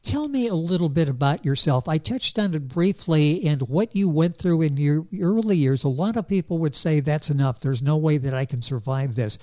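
A man hosting an interview program, introducing his guest in a polished manner and spelling details out slowly. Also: fairly high pitch, lively intonation, dark tone. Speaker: radio show host.

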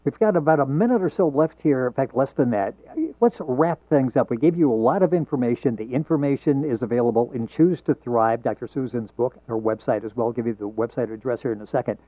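A man's voice: medium pitch, brisk, few pauses, mellow, no room sound. A man hosting a radio talk show, interviewing a guest, heard as recorded off the radio. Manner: friendly, leading the guest through tips. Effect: heard as taped off the radio. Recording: dull, dry radio broadcast recording.

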